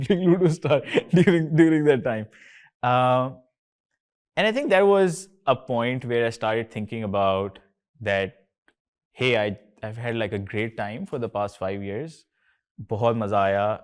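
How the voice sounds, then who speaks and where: A man in his thirties from Karachi with a Pakistani accent, hosting a casual, chatty talk with students and often slipping between English and Urdu. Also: medium pitch. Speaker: host, company co-founder.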